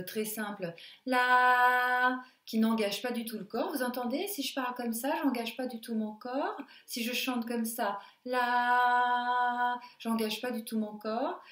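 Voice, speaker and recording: A woman teaching a singing lesson, coaching breathing and relaxation in a slow, calm way and demonstrating sung sounds. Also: medium pitch. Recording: echoey room.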